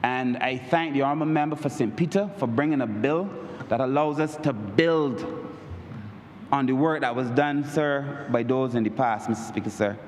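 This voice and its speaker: A member of parliament with a Barbadian accent delivers an emphatic speech in a large parliament chamber, speaking at a moderate pace with a little hiss or hum on the recording. His oratorical style returns again and again to "Mister Speaker, sir" as a refrain, and his pitch climbs on key points. Long reverb fills the echoey room.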